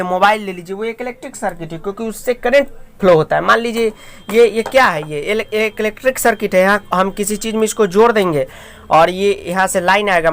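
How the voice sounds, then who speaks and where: A man's voice: sits high, a bit bright. A man teaching a school science lesson, explaining step by step and often calling out to his students while he draws diagrams. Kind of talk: classroom science lecture.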